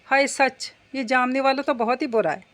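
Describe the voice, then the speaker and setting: A woman's voice: sits high, fairly even intonation, moderate pace, natural voice. A woman reading the part of a chatty young bride who is picky about her clothes.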